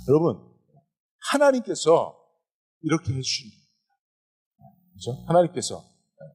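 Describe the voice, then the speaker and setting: A man preaching a sermon as pastor, animated, often addressing the congregation directly. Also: medium pitch, husky. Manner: animated preaching with calls of "여러분".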